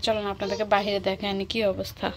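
A woman's voice: medium pitch, monotone, brisk, noisy background. A young woman, vlogging from her home kitchen and chatting through each cooking step. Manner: chatty, explains each step as she cooks. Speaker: vlogger and mother. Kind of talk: casual home vlog narration.

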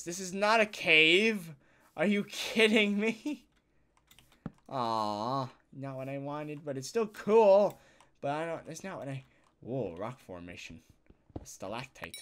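Male gaming host, casual let's-play commentary. Slightly high, very lively pitch; blurts out excited reactions, drops to muttering, tired. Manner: excitable, thinks out loud, swings between loud exclamations and quiet muttering. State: yawning, tired.

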